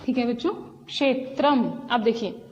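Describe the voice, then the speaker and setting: Slow high-voiced woman teaching a class. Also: a little mellow. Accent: Hindi. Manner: slow and repetitive, addressing children. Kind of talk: classroom lesson. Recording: dull, lo-fi sound with a long hall reverb.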